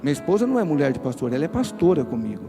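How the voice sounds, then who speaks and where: A man's voice: a little high, very animated, very fast, gravelly, music in the background. A man with a Brazilian Portuguese accent preaching a sermon in church, emphatic and speaking straight to his listeners. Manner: emphatic, direct, addresses listeners. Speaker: pastor.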